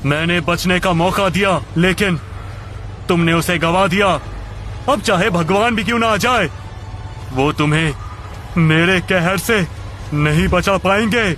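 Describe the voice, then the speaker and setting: An actor playing an arrogant, menacing martial-arts master who talks in grandiose threats in a dubbed fantasy drama. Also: male voice, sits high, measured pace, long pauses, fairly bright tone, faint music behind.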